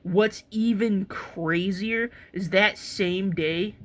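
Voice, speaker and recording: Rambling, excitable man telling a story. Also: high voice, very slow, slight background noise. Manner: excitable, rambling, swears freely. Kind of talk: casual rambling anecdote.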